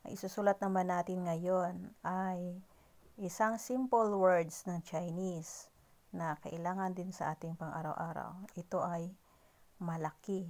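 A woman gives an unhurried lesson, drawing her words out slowly in a lowish voice. She counts strokes one by one and says each word again and again, slipping English phrases into her talk. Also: fairly even intonation, darkish tone. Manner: repeats each word several times, counts strokes aloud; polite greeting words, mixes English into Tagalog. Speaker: language teacher. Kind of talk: slow lesson on writing Chinese characters.

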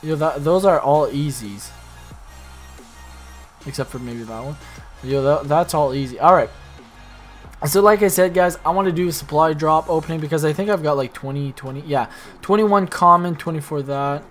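A young man giving casual, slangy commentary while opening loot in a video game, excitable and rambling. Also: on the high side, moderate pace, pauses often, faint music behind. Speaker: gaming YouTuber.

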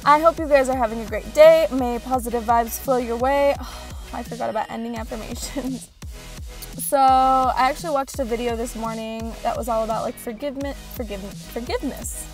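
A woman's voice: fairly high pitch, steady tone, normal speed, faint music behind. A young woman with a Valley girl accent, chatting casually and upbeat to her vlog viewers, full of likes and ums. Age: young adult. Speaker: vlogger.

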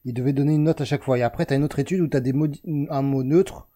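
Warm-toned and fast, this French self-help host keeps a medium pitch with fairly even intonation. He explains casually to the viewer while drawing a chart, rambling and self-correcting throughout.

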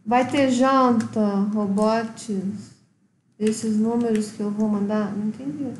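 A woman with a slightly high voice, casually reading out viewer comments during a livestream and teasing back. The sound is roomy, with echo from the home space around her. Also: steady tone, takes it slowly, a little mellow, a little hiss or hum. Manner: reads viewer comments aloud, playful banter. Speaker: mother co-hosting a game livestream. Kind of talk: casual live-stream chat.

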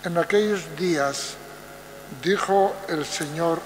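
Very slow, high-voiced older reader. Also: male voice. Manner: very slow, measured, deliberate phrasing. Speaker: lay reader. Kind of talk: liturgical Bible reading. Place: large church, at a lectern. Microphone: lectern mic. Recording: roomy church echo, long reverb, faint mains hum.

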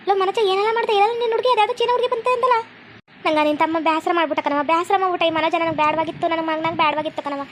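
A woman doing a shrill, nagging village mother. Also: slight background noise. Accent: North Karnataka Kannada. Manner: rapid nagging scolding. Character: scolding village mother, fussy and loud. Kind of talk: cartoon comedy voice acting.

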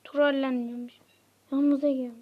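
A female YouTuber plays a game and talks casually to her audience, growing frustrated in no time. Her high voice comes across flat, and the audio sounds narrow and tinny.

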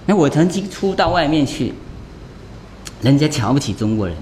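A man teaching as a Buddhist monk, his somewhat high voice rising and falling in wide, animated swings. He talks to his listeners in a loose, chatty way and keeps throwing rhetorical questions at them. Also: normal speed, slight background noise. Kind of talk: conversational dharma lecture.

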